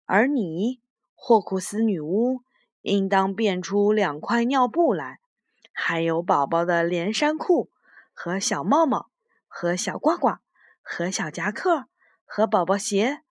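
A woman voicing a hot-tempered, bossy male magician who shouts his orders in a children's story. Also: mid-range voice, animated, slow, dry recording.

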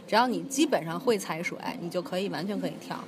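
语速飞快的女播客主持. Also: female voice, lowish voice, quick pace, background noise. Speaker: podcast co-host. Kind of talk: casual chatty storytelling about travel.

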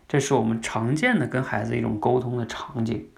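Man, podcast host, gravelly voice, medium pitch, conversational, instructive. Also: brisk. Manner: conversational, asks listeners questions. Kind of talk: instructive monologue.

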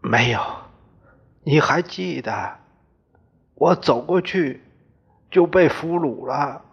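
A man's voice: a little high, animated, takes it slowly, husky, long reverb tail, full character voice. A man voicing an emotional, choked-up middle-aged man meeting an old war comrade. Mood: tearful. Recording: dull lo-fi recording.

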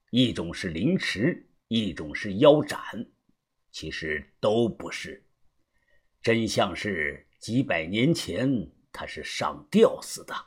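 A man voicing an older, calm, secretive uncle who speaks low, hushed and measured, as an audiobook character. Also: husky, exaggerated voice.

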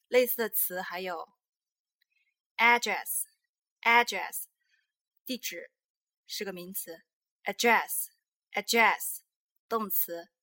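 A woman hosting a pronunciation lesson in Chinese and English. She repeats English words slowly to demonstrate them and corrects herself as she goes. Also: mid-range voice, fairly bright tone. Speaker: host and pronunciation teacher.

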